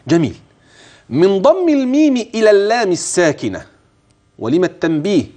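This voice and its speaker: A male teacher explaining tajweed rules in an animated, sing-song way. His voice sits fairly high and swoops widely. He slows down to chant short passages as demonstrations. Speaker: Quran recitation teacher. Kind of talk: tajweed lesson with recited demonstrations.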